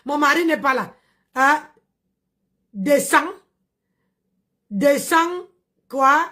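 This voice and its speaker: High-voiced woman ranting mockingly. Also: expressive, drawn-out words. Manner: mocking and confrontational, often shouting; repeats phrases for emphasis. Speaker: livestream host. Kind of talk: livestream rant.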